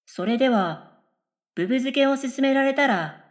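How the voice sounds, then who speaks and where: Here the same airy middle schooler from the radio drama is played by a woman whose voice sits high and animated, moving at a normal speed. The girl chats blithely, staying polite while confidently drifting into non sequiturs.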